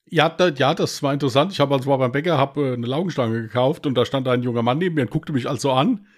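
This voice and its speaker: A fast-talking young man of medium pitch tells loose, meandering anecdotes as co-host of a casual podcast, often chuckling at his own humor.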